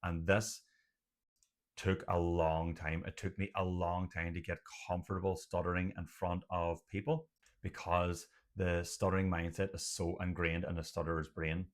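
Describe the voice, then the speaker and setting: An Irish doctor who hosts a channel talks personally to the camera in a very low voice, with a level tone and normal speed. He stutters, with blocks and repeated sounds.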